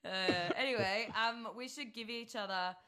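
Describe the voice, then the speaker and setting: A woman's voice: fairly high pitch, moderate pace, a crowd in the background. A hungover woman co-hosting a podcast, telling rambling, giggly stories in casual comedic chat. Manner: giggly, rambling storytelling with dramatic quoted asides. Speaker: podcast co-host.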